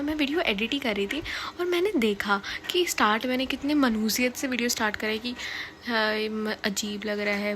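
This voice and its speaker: A woman's voice: fairly high pitch, fairly bright tone, slight background noise. A teenage girl from India, a student vlogger chatting casually and laughing often as she mixes English into Hindi, recorded in her bedroom. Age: teens. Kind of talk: casual storytelling vlog. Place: bedroom, on bed.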